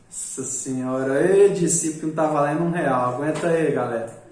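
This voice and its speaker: A man teaching a live class, casual and joking, often tagging his points with a quick question. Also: a little high, a little mellow, a little hiss or hum. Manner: joking, chatty, repeats "né?" often. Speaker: magic course teacher. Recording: echoey room, distant mic.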